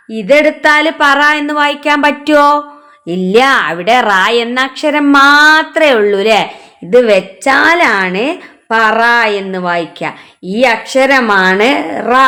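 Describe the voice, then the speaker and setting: A woman's voice: on the high side, a bit bright. A woman teaching children the letters of the alphabet, asking simple questions and patiently repeating words for them to echo. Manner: slow, patient questions and repetitions.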